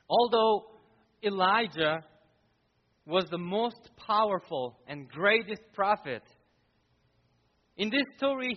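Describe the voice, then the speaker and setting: Man pastor preaching in a church, slow and earnest, long echoey hall reverb, dull lo-fi sound. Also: high-pitched. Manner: earnest, addresses congregation directly. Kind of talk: sermon. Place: church sanctuary.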